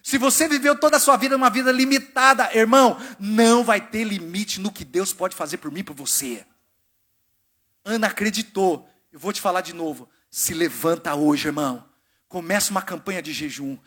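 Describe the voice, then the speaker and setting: Brazilian pastor, high and bright. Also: male voice, moderate pace. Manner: exhorting, call-and-response with congregation; swings between loud preaching and quiet asides. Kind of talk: sermon. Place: church sanctuary.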